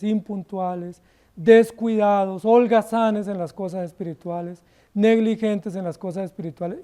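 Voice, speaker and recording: Colombian man preaching, high-pitched and dark in tone, fervent, asks questions of the congregation. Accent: Colombian Spanish. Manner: impassioned preaching, rhetorical questions, slows down to stress words. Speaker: pastor. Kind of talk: sermon.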